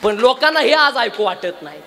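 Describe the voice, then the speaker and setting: A young man preaching a devotional sermon and telling a story, impassioned, repeating lines for emphasis and breaking into shouts. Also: extremely high pitch, very animated, normal speed, a faint crowd, slight background noise. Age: young adult. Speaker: kirtan preacher.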